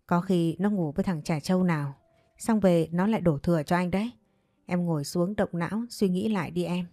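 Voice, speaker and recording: A woman playing a smooth-talking, manipulative stepfather from a storybook, coaxing and defensive. The voice is low and warm, dry and close to the mic, with faint music behind. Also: no echo, close to an everyday voice. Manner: wheedling, defensive.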